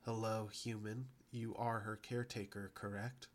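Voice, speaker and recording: A man voicing a large, polite insect alien healer who speaks in a slow, measured, formal way. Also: on the low side, little pitch movement, close to an everyday voice.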